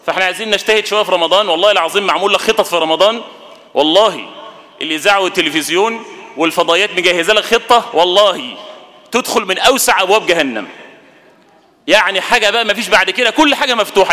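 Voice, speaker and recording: A man with an Egyptian Arabic accent gives a Ramadan sermon in a mosque. His voice is high and bright, and the words tumble out at great speed. A long reverb from the mosque hall trails after him. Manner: colloquial, asks the audience questions. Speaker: preacher.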